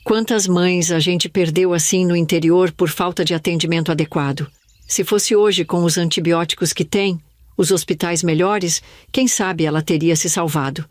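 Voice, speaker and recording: A woman's voice: lowish voice, steady tone, normal speed, no echo, studio quality. Older woman narrating a somber memory. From Brazil. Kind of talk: scripted first-person narration.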